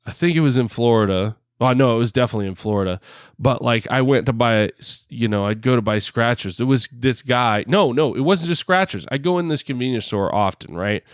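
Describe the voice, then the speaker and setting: A man's voice: mid-range voice, fairly quick, clear, resonant tone, dry recording, clean studio sound. A man co-hosting a podcast in casual chat, telling rambling stories and correcting himself as he goes. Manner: rambling, self-correcting storyteller. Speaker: podcast co-host. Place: home, separate from co-host.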